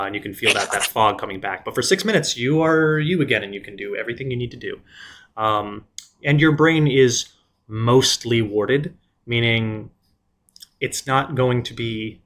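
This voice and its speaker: A man running a tabletop role-playing game as game master, explaining rules and narrating in a relaxed way. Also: mid-range voice.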